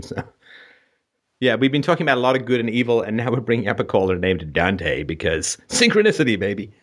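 A man's voice: mid-range voice, a bit bright. Blunt, profane male talk show host.

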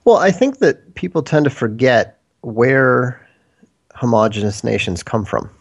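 A man's voice: mid-range voice, big pitch swings, measured pace, slightly rough, dull audio. A man from Minnesota, a guest in a casual, rambling discussion. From United States, Minnesota. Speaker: interview guest.

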